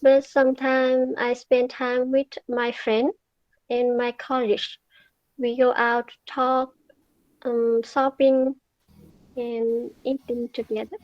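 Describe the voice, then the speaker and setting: A woman who is a beginner English learner, answering practice speaking questions and searching for words with long pauses. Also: a little high, flat delivery, no room sound, dull audio.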